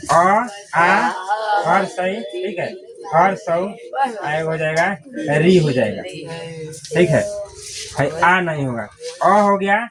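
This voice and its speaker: Man, teacher, high voice, call-and-response drilling over classroom crowd noise. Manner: call-and-response questioning, repeats answers. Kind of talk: classroom grammar lesson.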